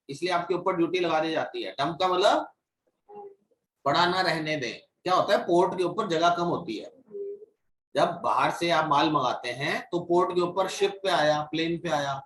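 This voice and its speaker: Male instructor, fairly high voice, classroom lecture, recorded from across a roomy space. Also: fairly bright tone, slight background noise. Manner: explains step by step, checks in with "ठीक है". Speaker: GST course instructor. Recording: echoey room, mic at a distance.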